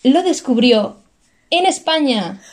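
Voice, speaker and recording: Young woman, chatty co-host, rambling storyteller, slightly high voice. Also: animated, slow pace, a little mellow. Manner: chatty, laughs often, rambling storyteller with self-corrections. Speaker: podcast co-host telling a story. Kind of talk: casual chat.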